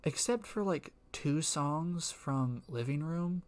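Slow and on the high side, the voice belongs to a young man co-hosting a relaxed podcast. He meanders through his points, keeps saying "like," and often breaks into laughs.

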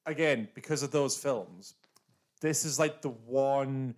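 English guy on a podcast explaining stuff, calm and even. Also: mid-range voice. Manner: explains things, measured. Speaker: podcast co-host. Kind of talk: casual chat.

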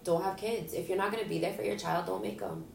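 A woman's voice: medium pitch, steady tone, fast talker, gravelly. A woman guest on a casual podcast chat, talking bluntly and with emphasis. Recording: echoey room with faint hiss.

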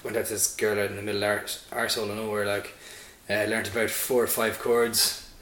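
A man's voice: on the low side, little pitch movement, a little fast, fairly bright tone. A man with a west of Ireland accent, chatting casually in an interview in a jokey, sweary, anecdotal way. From Sligo, west of Ireland. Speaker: band member being interviewed. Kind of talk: casual chat. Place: indoors on pub or venue premises. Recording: roomy echo, faint noise and clicks.

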